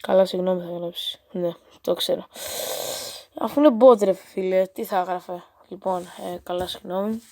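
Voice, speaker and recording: Playful gaming host, dry close sound. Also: female voice, fairly low pitch, steady tone, gravelly, a little mellow, dry recording. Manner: playful, teasing, exasperated asides. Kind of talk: casual chat while reading out a chatbot's replies.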